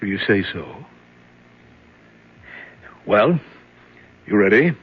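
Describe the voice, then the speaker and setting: A breezy, falsely friendly jailer. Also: male voice, on the low side, expressive, slow pace, husky, heavily acted. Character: brisk jailer fetching a prisoner. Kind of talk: 1970s radio drama acting. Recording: dull old radio broadcast.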